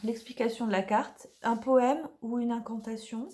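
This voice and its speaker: Hesitant French woman, mellow voice. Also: on the high side, fairly even intonation, moderate pace. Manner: chatty, hesitant with many fillers. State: slightly hoarse from allergies. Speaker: oracle deck creator. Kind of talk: casual product presentation. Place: dim room in the evening.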